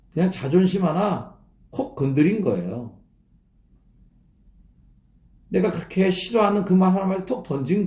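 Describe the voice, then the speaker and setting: A man preaching at an early-morning prayer service, talking in a casual, storytelling way. His voice is low and gravelly, it rises and falls a lot, and it rings in an echoey church. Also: warm tone. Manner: conversational, acting out mocking voices. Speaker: pastor. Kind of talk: sermon.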